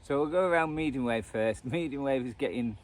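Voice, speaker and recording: Brisk and medium-pitched, a man with a Northern English accent vlogs casually about scanning a radio band, with no script, thinking out loud in halting, trailing phrases. He's outdoors on the edge of a churchyard, and the recording is noisy with traffic.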